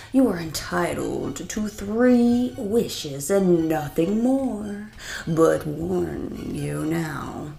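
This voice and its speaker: A woman putting on a slow, booming, ominous male genie. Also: vocal fry, dark tone, echoey room, heavily acted. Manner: slow, drawn-out, booming warnings.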